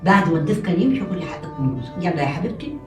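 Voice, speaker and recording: Cast an actress as an older Egyptian mother-in-law: bossy, loud, fast-talking, in a roomy space. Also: lowish voice, big pitch swings. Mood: lecturing. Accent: Egyptian Arabic. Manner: loud, scolding, quick to flare up. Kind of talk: short-film acting. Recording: roomy echo, faint music.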